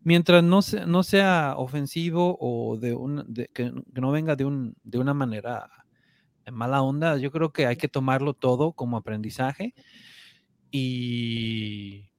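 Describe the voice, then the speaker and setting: A man with a Mexican accent chats as an interview guest, spinning lively stories and stumbling over repeated words while he gathers his thoughts. His voice sits at an ordinary pitch, and the recording is dry and close with no room sound. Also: measured pace, no room sound. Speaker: guest, opera tenor. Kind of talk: casual interview chat.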